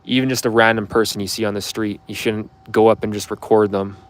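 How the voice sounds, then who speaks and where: Speaking a little fast in a level, lowish voice, a Canadian livestream host in his twenties answers viewers' questions. His manner is casual and rambling, full of offhand fillers.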